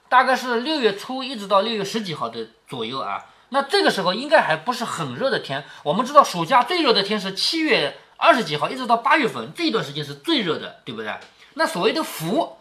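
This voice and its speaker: A man's voice: sits high, pushed and bright. A man reading a classic novel aloud to his daughter and explaining it as he goes, often asking rhetorical questions. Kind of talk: storytelling with commentary.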